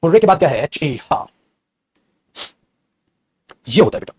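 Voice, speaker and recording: A man's voice: fairly high pitch, sing-song, moderate pace, a little mellow, slightly rough. A male teacher giving a classroom grammar lesson, drilling and repeating points and calling his students "beta". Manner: addresses students as beta, repeats and drills, switches between languages. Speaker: English teacher.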